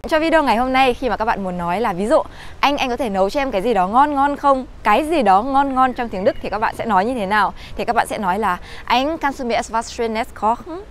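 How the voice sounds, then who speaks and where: A young woman from Vietnam teaching German in a casual vlog, chatting to viewers and slowing down to say each example sentence. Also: fairly high pitch, lively intonation, a little hiss or hum. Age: young adult. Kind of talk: casual language lesson vlog.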